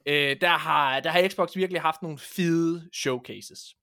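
A man co-hosting a casual podcast chat, telling stories with lots of animation. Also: on the high side. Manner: animated storyteller, acts out voices. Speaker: podcast co-host.

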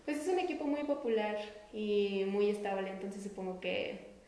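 A woman's voice: mid-range voice, moderate pace. Young Mexican woman, echoey room. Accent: Mexican Spanish. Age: young adult. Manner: relaxed, laughs easily. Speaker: interviewee, student. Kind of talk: casual interview answers. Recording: roomy echo.

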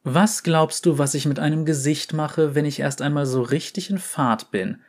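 In a dramatic story reading, a man with a fairly high voice speaks at a normal pace as a brash, violent female enforcer. He taunts and threatens in a mocking, cocky tone.

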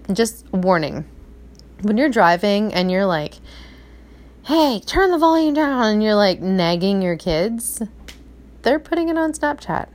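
A middle-aged woman in casual chat about her family, rambling with lots of "like" fillers. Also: lowish voice. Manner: rambling, chatty, full of "like" fillers. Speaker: mom vlogger.

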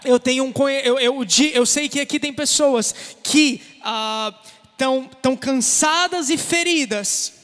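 A man's voice: extremely high pitch, a little slow, a bit bright, faint music behind. A man interpreting a sermon live in a church, echoing the preacher's energy with brief restarts. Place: church sanctuary. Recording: long hall reverb.

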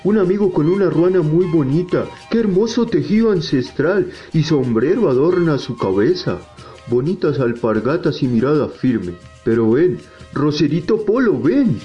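A man's voice: fairly high pitch, expressive, moderate pace, warm tone, lo-fi sound, soft background music, natural voice. A man playing a kindly, wise talking tree who teaches children in a folksy, jolly Colombian storytelling style. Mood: delighted.

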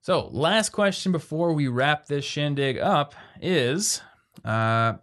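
A man co-hosting a podcast, chatting casually and quickly, reading listener questions aloud. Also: a little high, lively intonation, a bit bright. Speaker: podcast co-host.

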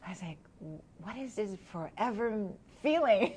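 A woman in her thirties from Hong Kong, a guest speaking candidly and reflectively in an interview, often laughing softly between thoughts. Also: medium pitch, animated, normal speed, a little hiss or hum.

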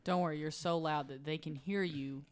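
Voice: medium pitch, steady tone, moderate pace. A co-host trading teasing banter with friends in a small apartment living room. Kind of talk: casual chat among friends.

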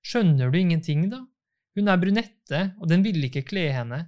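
A man's voice: on the high side, lively intonation, darkish tone, lightly acted. A man reading the part of a troubled young groom full of self-doubt, in a despairing, pleading tone.

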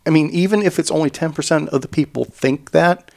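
Gravelly man explaining at length. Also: on the high side, a little fast, a little mellow. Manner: rambling, repeats words while explaining. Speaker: cycling event organizer. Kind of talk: casual podcast chat.

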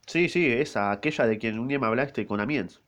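A man's voice: mid-range voice, fairly quick, fairly bright tone, natural voice. D'Artagnan, brash panicky swordsman, read by a man. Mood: agitated. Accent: Argentine Rioplatense Spanish. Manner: swears casually, uses vos.

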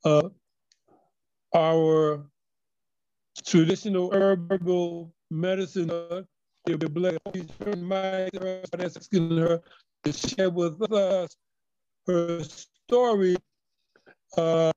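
A man hosting a live online video-call talk show, speaking in a halting way with many fillers while his call audio keeps breaking up. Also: sits high, fairly even intonation, dark tone, clean tone, no echo. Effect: choppy, breaking-up online call audio. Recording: dull lo-fi call audio with faint guitar music.

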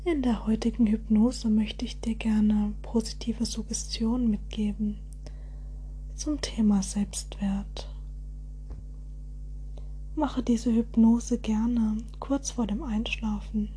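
A woman guiding a relaxation hypnosis in a soft, soothing, airy spa whisper with gentle suggestions. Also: fairly high pitch, fairly even intonation, takes it slowly, slight background noise. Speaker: hypnosis guide.

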